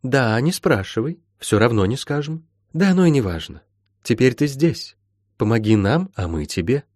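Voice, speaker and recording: A man's voice: medium pitch, big pitch swings, normal speed, darkish tone, dry recording, studio quality. A man voicing a stern middle-aged woman healer who talks in old-fashioned folksy speech, in an audiobook. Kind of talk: audiobook character voice.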